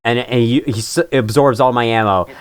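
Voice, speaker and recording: A man's voice: mid-range voice, steady tone, moderate pace, smooth. A man giving casual, opinionated reaction commentary as a gaming YouTuber, often griping and chuckling through his remarks.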